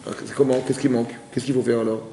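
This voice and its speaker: A man teaching a lively Torah class, firing rapid questions at his listeners and acting out cries. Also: mid-range voice, creaky, echoey room. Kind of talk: lively interactive Torah lesson.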